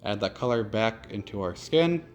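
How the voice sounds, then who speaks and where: A man's voice: lowish voice, animated, normal speed, a little mellow, soft background music. A man with a lisp and slushy s sounds, giving a casual, conversational step-by-step makeup tutorial as a drag performer.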